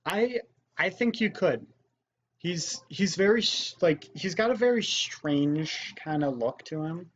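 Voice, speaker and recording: Animated male gamer, casual and excitable. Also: high voice, takes it slowly. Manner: excitable, says dude often. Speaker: gamer commentating on a party board game. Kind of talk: casual let's play chat. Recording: dull mic with faint noise.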